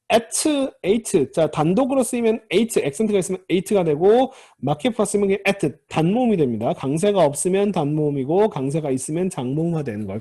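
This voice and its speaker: A man's voice: a little high, warm tone, slightly rough. A man teaching a grammar lesson in a recorded lecture, patiently explaining each term and repeating key words as he moves from point to point.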